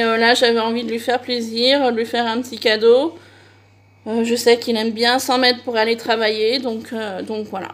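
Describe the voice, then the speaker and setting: Woman, crafting vlogger chatty haul, slightly high voice, faint hiss, lots of fillers. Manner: chatty, many hesitations and fillers. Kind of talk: casual haul video chat.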